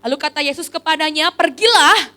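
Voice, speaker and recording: A woman preaches with fervor in a very high, bright voice. She acts out prayers and climbs to loud cries. Soft music plays behind her. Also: brisk. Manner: passionate, rising to loud calls in acted prayers. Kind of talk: sermon.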